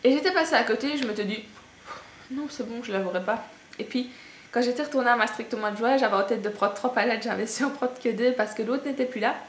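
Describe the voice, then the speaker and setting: Speaking quickly in a fairly high pitch, this young Belgian French-accented beauty vlogger gushes and jokes at her own expense throughout a casual haul video, filling her talk with fillers. It was recorded in an echoey space with faint background noise.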